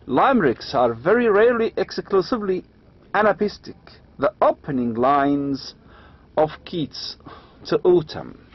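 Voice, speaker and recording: A man with an Arabic accent lecturing on poetry, reading slowly and adding quick asides. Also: mid-range voice, breathy edge. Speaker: university lecturer. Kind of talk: lecture explaining English meter, mixing English and Arabic. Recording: dull lo-fi lecture recording.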